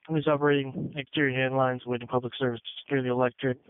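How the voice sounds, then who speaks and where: A man's voice: medium pitch, little pitch movement, racing, no room sound. A man working as an emergency dispatcher, giving clipped procedural read-backs over a two-way radio in police radio style. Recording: tinny phone-like dispatch radio.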